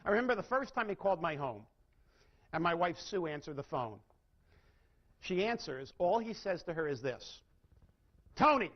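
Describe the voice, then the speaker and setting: Man, middle-aged, seminar speaker, high voice, big lively swings in pitch, dull lo-fi audio. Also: moderate pace, pauses often. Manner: animated, asks the audience questions and answers them. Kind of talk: motivational seminar talk to an audience. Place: lecture room with audience. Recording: dull lo-fi live talk recording.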